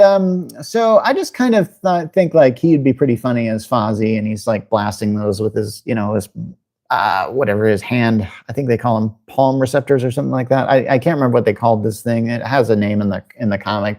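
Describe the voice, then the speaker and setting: Male host, warm dark tone, rambling solo commentary, self-deprecating. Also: mid-range voice, brisk. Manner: musing, meandering, self-deprecating. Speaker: show host.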